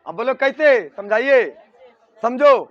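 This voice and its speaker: Male teacher, unusually high voice, slow, repeats key words and keeps checking understanding; classroom grammar lesson, dull lo-fi recording. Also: expressive, a faint crowd.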